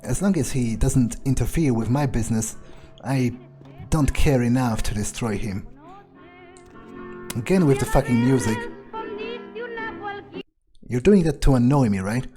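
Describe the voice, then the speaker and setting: Music plays as a man role-plays a contemptuous male vampire in a gameplay clip, musing to himself in an improvised, lightly acted monologue. The voice is husky, mellow and medium-pitched, the phrasing halting and crude.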